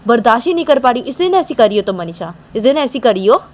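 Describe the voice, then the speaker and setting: A woman's voice: on the high side, big pitch swings, quick pace, pitched above the performer's own voice. A woman voicing a hot-tempered, jealous young woman who scolds and threatens, repeating herself, in an amateur audio story. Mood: angry. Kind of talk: amateur storytelling with voiced dialogue.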